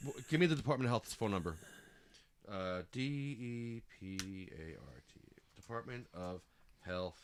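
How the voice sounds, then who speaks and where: A man's voice: fairly low pitch, animated, measured pace, a little hiss or hum. A man hosting a casual call-in podcast, talking a caller through a website and getting worked up, swearing and apologizing. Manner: frustrated, swears and apologizes, flares up. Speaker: podcast host.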